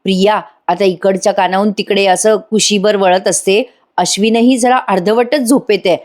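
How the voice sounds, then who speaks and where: A woman's voice: medium pitch, fairly even intonation, moderate pace, a little mellow. A woman narrating a voice-over episode recap, chatty and talking straight to viewers. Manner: chatty, addressing viewers directly. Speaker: TV serial reviewer.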